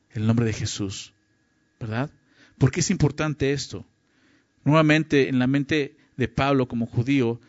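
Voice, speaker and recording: A man's voice: medium pitch, a little mellow, dry recording, lo-fi sound. A man giving a Bible teaching as a pastor, reading verses aloud and often checking in with the listener through rhetorical questions. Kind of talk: sermon teaching.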